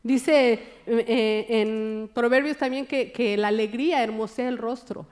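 A woman preaches warmly and playfully, mixing jokes into her sermon. She keeps turning to her listeners as brothers and sisters and swings between soft asides and loud, rousing appeals. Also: a little high, a little slow. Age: adult, married. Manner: jokey and animated, often calls listeners brother. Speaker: lay preacher.

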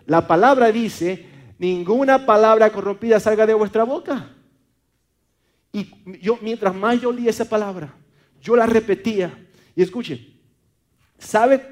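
A man's voice: sits high, unhurried, pauses often. A man from Maracaibo with a Venezuelan accent, preaching a sermon, often repeating words and stumbling on fillers as he calls listeners brother.

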